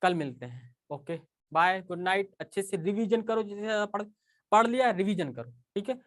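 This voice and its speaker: A man's voice: sits high, animated, moderate pace. Male teacher, casual live class, conversational, keeps checking in with students. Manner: chatty, repeats "okay" often and speaks straight to students.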